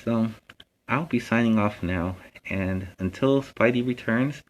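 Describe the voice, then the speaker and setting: The man's fairly low voice comes through muffled as he unhurriedly tells his costumed story time stream audience about public safety. He's informal yet earnest, plain-spoken, and emphatic, and a steady background noise can be clearly heard.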